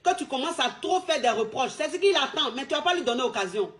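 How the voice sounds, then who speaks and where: A woman's voice: high-pitched, animated, fast talker. A woman giving relationship advice as a coach, in a casual monologue with emphatic, repetitive street slang.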